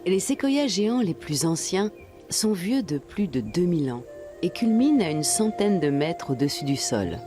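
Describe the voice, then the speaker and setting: A woman reading scripted documentary narration in a measured, even way. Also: fairly low pitch, over music.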